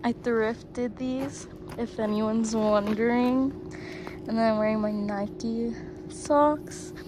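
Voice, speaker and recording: A young woman chats through her day at an easy, unhurried pace, her voice set a little high. She talks into a phone held at arm's length. Loud car and outdoor noise sits behind her. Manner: relaxed, chatty, unhurried. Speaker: vlogger. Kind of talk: casual vlog narration. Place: car and outdoor mountain trail.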